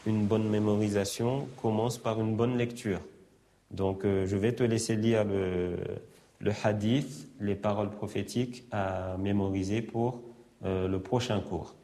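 A man teaching a class, slow and patient in his instructions. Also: on the low side, fairly even intonation, warm tone.

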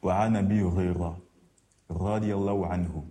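A man's voice: low voice, steady tone, racing, mellow. A man in a class reciting a sacred text and then translating it.

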